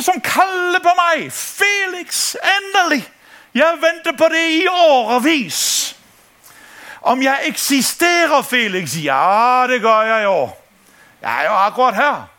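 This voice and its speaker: A man's voice: very high-pitched, bright, forceful tone, exaggerated voice. A male preacher voicing God as a cheerful, eager old deity in a sermon story.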